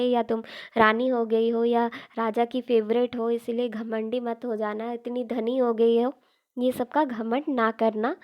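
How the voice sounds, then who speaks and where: A woman's voice: fairly high pitch, muffled recording, close to an everyday voice. A woman voicing an old male sage giving earnest fatherly advice in a storytelling recording. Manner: earnest, instructive.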